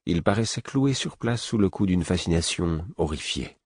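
Man narrating a first-person novel, very deep voice, husky tone, measured delivery, close mic. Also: lively intonation, darkish tone, no echo. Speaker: audiobook narrator.

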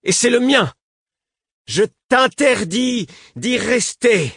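A man's voice: mid-range voice, expressive, normal speed, breathy edge, no room sound, studio quality, voice pushed up. A man voicing a fierce, anxious young woman in an audiobook, pleading and urgent. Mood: commanding. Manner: pleading, then commanding and shouting. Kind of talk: audiobook character voice.

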